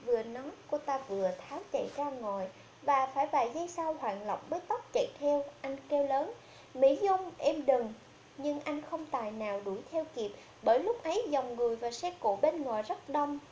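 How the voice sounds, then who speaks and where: High-voiced woman narrating a horror story. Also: animated, a little fast, darkish tone, a little hiss or hum. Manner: reads every character herself, little change of voice.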